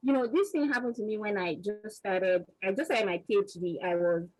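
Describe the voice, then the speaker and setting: A Nigerian-accented woman in her thirties, a vaccine research scientist, answers as a panelist on a video call in a motivational vein. Her mid-range voice moves fairly quickly, earnest and emphatic, repeating words as each point builds. The audio quality is poor.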